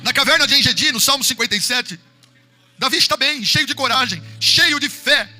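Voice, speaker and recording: Man, Brazilian Portuguese accent, Pentecostal sermon, very high voice, piercing tone, soft music underneath. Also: fairly quick. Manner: impassioned, building to shouts and sung phrases. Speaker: pastor.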